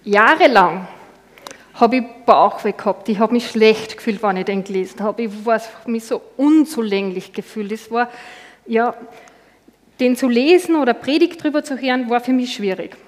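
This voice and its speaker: A woman's voice: on the high side, normal speed. Austrian woman preaching in an echoey hall. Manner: personal, conversational, says "genau" often. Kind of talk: sermon. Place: church hall.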